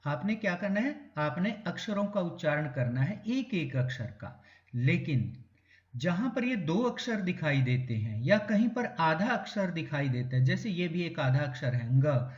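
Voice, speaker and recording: Male schoolteacher, unhurried and patient, slightly high voice, classroom lesson recorded in a reverberant room. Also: very animated. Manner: patient, repeats words slowly to drill pronunciation. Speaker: Sanskrit teacher. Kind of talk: classroom lesson explaining to children.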